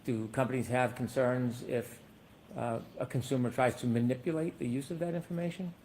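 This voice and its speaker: A man's voice: mid-range voice, steady tone, a little fast, darkish tone, a little hiss or hum. A man questioning a witness as an attorney in a courtroom recording, asking probing questions with frequent hesitations.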